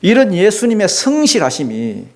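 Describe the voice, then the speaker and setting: A man's voice: sits high, huge pitch swings, moderate pace. A male pastor with a Gyeongsang accent preaching a sermon in a church, emphatic and full of rhetorical questions and folksy asides. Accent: Gyeongsang Korean. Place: church sanctuary.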